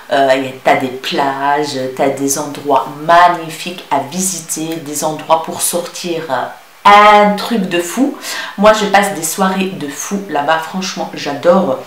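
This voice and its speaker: A woman's voice: on the low side, reverberant. A woman with a mixed Tunisian-Belgian French accent, a beauty vlogger answering viewer questions in a casual, affectionate chat full of hesitant fillers.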